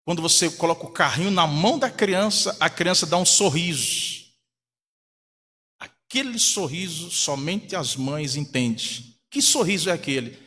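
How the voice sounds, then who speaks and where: High bright-voiced man preaching. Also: expressive, a little slow, in a large hall. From Brazil. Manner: storytelling, acts out quoted voices. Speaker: pastor. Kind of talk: sermon. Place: church hall.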